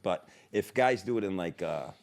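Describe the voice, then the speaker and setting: A man's voice: low-pitched, expressive, normal speed, creaky, darkish tone. A man in his sixties with a Rhode Island accent, talking loosely as a podcast guest and laughing often. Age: 60s. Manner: laid-back, rambling, laughs often. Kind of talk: casual chat.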